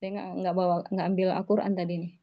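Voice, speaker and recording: Her voice is lowish and flat, and she talks quickly, giving an online religious lesson in a chatty way and ending phrases with "gitu ya." The video call audio comes across slightly muffled.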